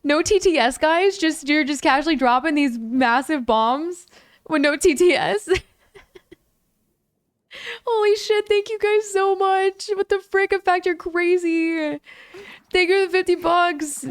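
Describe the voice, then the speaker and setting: A young gaming livestreamer chats casually with her viewers, unhurried, then bursts into high, excited squeals thanking donors. Her voice is a bit lower and worn from talking for hours, and the recording is dry.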